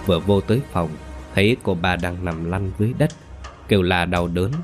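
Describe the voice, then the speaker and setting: A man tells a scripted horror story. He paces it in a measured, ominous way over faint background music. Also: low voice, steady tone.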